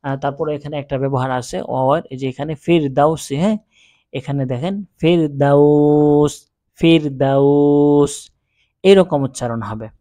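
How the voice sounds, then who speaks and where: A man teaching Quran reading, spelling out letters and reciting words slowly and drawn out, and often checking in with the viewer. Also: mid-range voice, darkish tone. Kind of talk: step-by-step recitation lesson.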